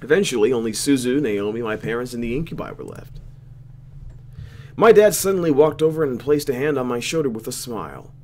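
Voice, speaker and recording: This is casual gameplay commentary from a man in the mid-range of pitch, animated and brisk as he reads a visual novel aloud for a let's play. He throws in slangy, mock-exasperated remarks between lines of narration.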